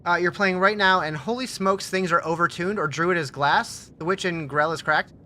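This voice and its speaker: A man's voice: high voice, normal speed, bright, forceful tone. A man livestreaming a game with casual commentary, answering chat and thinking aloud in a laid-back way.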